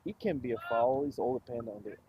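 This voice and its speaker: A man making brief, soft-spoken remarks as co-commentator at a live soccer match. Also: mid-range voice, fast. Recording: dull, noisy, distant mic.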